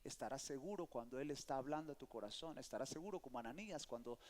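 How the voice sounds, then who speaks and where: A man's voice: medium pitch, fast. A middle-aged man, preaching a sermon and asking the congregation for amens. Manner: lively storyteller, calls for amens. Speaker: pastor. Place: church sanctuary. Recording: long church hall reverb.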